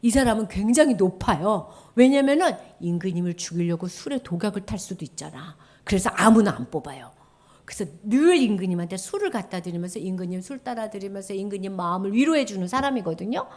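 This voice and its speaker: A woman giving a children's sermon, animated and quizzing her listeners with questions. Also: medium pitch, quick pace.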